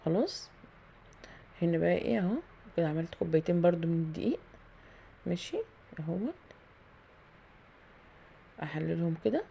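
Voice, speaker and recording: A woman's voice: on the low side, expressive, a little fast, creaky, pauses often, mellow, slightly rough. A woman with an Egyptian Arabic accent who talks through a home cooking tutorial in a chatty way, thinking aloud with many fillers and pious phrases, in her kitchen. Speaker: home cooking video host. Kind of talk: casual cooking tutorial narration.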